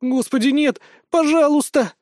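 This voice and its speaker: Man putting on a high, squealing young woman, tearful and vengeful, storybook reading, dry close sound. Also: expressive, moderate pace, a little mellow, no room sound. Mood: panicked pleading. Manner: shrill, squealing.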